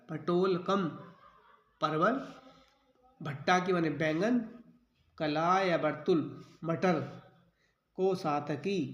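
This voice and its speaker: Guy teaching kids vocab, kinda high voice, super slow, repeats everything, echoey room. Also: a bit bright. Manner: slow, repeats each word with its meaning, says "theek hai" often. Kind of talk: Sanskrit vocabulary lesson.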